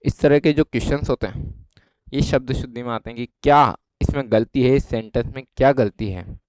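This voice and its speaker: A man's voice: mid-range voice, a little fast, a little mellow, no room sound. A man with a Rajasthani Hindi accent explaining an exam syllabus in a chatty lesson, often checking that his students follow. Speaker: exam prep teacher.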